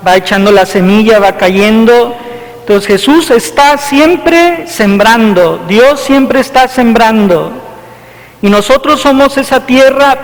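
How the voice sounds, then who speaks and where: A parish priest delivers a homily in an unusually high voice. He talks to the congregation casually, peppering his points with rhetorical questions. His voice rings through a church with a long, trailing reverb. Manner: conversational, rhetorical questions with frequent "¿verdad?". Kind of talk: sermon.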